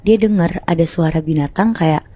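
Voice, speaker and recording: A woman's voice: lowish voice, normal speed, dark tone. A woman casually telling a horror story to friends on a podcast, chatty and slangy, calling her listeners by nicknames.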